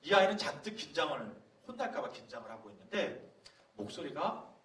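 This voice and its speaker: A middle-aged man, a pastor, telling a story to a youth leaders' camp in a lively, storytelling way. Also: a little high, fairly quick. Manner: animated storytelling, acting out quoted voices. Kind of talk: sermon-style talk at a youth leaders' camp. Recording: roomy hall from a distance, faint background noise.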